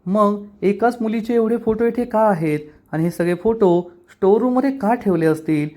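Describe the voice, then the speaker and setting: A man voicing a defiant, sharp-tongued young woman as he retells a TV episode. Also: sits high, moderate pace, voice pushed up, close to an everyday voice.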